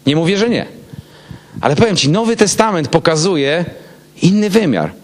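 A man, a pastor, telling a personal story in a casual, animated way and acting out both sides of the dialogue. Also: high voice, normal speed.

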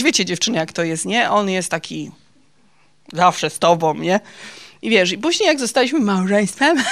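Chatty woman sharing a faith testimony. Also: mid-range voice. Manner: chatty and confiding, ends phrases with "nie?"; laughs at her own stories. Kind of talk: personal faith testimony talk.

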